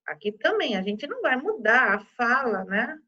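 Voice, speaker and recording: Brazilian woman, primary teacher, patient and slow syllable drills, somewhat high voice, lo-fi audio. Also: sing-song, pushed and bright, breathy edge. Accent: Brazilian Portuguese. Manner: slow, exaggerated syllable-by-syllable pronunciation with frequent "tá?". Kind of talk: primary school lesson video. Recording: slightly dull lo-fi recording.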